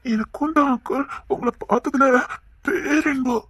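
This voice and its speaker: A woman voicing a timid young woman who speaks softly and stammers, in an audio drama. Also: sits high, measured pace, dry recording, clean studio sound, voice pushed up. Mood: sweet. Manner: soft, hesitant, stammering. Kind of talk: Tamil audio drama acting.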